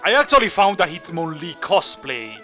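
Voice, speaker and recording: A man's voice: on the high side, sing-song, moderate pace, sharp tone, faint music behind. A man hosting a gaming video with casual, playful commentary, teasing the characters as he plays. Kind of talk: casual Let's Play commentary.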